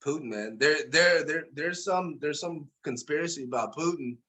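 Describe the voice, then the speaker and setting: A man's voice: on the high side, moderate pace, sharp tone. A man co-hosting a podcast in casual, profane, joking banter. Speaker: podcast co-host. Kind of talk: casual chat.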